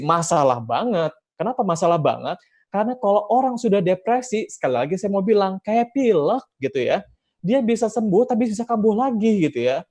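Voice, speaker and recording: A man's voice: sits high, darkish tone. A man giving an educational talk to parents and teachers, emphatic, asking rhetorical questions and acting out short quotes. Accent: Indonesian.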